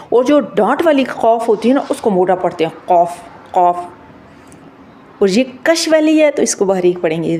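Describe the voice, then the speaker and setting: Female recitation teacher, from Pakistan, patient and methodical, drawn-out demonstrations, warm dark tone. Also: medium pitch. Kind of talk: Quran recitation lesson.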